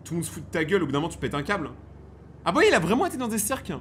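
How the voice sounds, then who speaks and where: High-pitched, animated young man commenting. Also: rapid-fire, a little hiss or hum. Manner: slangy, joking, reactive. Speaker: reaction video host. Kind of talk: casual running commentary on horror footage.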